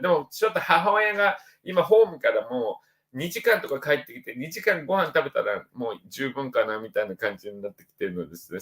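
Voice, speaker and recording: A man's voice: mid-range voice, a bit bright. A middle-aged man from Osaka, a spiritual counselor hosting a casual livestream and chatting upbeat through viewer comments. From Osaka, Japan. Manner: chatty and upbeat, voice jumps up when reading out names.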